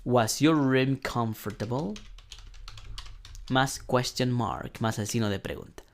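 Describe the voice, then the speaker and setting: A man teaching an online English lesson, slowly modeling sentences and translating them, often clearing his throat. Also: medium pitch, a little hiss or hum. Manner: slow, patient explaining, modeling English sentences then translating.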